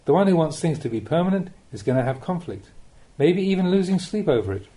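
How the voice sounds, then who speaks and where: Here a man narrates an audiobook of spiritual teachings, instructing in a measured way with emphatic phrasing. The voice runs somewhat high, very animated and mellow.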